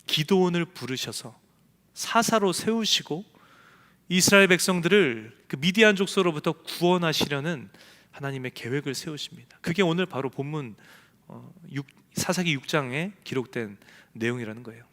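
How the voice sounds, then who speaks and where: A man's voice: fairly high pitch, expressive, normal speed, fairly bright tone. A man preaching a sermon as pastor in a church sanctuary, emphatic and acting out the voices he quotes. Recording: echoey church hall.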